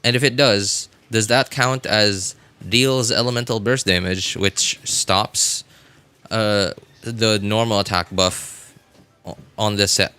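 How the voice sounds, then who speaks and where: In a casual livestream where he theorycrafts a game, a man thinks aloud with hesitation and keeps repeating himself. His lowish voice is steady, bright, forceful and clean, and he takes it slowly.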